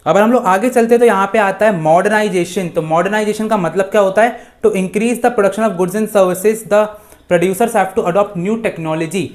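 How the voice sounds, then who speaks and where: भारतीय अंग्रेज़ी लहजे वाला एक युवा पुरुष शिक्षक, जो लाइव परीक्षा-तैयारी क्लास में हिंदी बोलता है और अंग्रेज़ी नोट्स धीरे-धीरे पढ़कर सुनाता है।. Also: male voice, sits high. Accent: Indian English. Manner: mixes Hindi with slow English read-outs from notes. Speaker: teacher. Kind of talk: live online exam-revision lesson.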